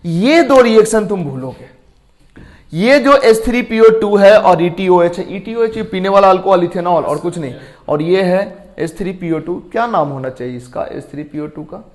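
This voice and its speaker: A man's voice: sits high, animated, moderate pace. A man teaching a chemistry lesson who explains step by step, quizzes his students and thinks aloud as he recalls names. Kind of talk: classroom lecture.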